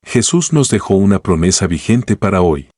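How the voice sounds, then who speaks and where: Deep-voiced man reading devotional text. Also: expressive, darkish tone, dry recording, clean studio sound. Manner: measured reading, slowing on scripture references. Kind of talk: read-aloud devotional teaching.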